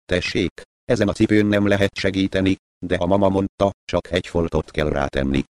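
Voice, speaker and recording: A man's voice: sits low, fairly even intonation, darkish tone, no room sound, close to an everyday voice. A man doing a timid pleading boy. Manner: hesitant, pleading. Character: poor timid young boy, anxious but stubborn.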